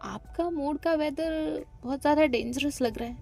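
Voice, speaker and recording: A cheeky young guy, playful and teasing his friend, as a woman storyteller plays him. The voice stays fairly high, with faint music underneath. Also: moderate pace, creaky, a little mellow.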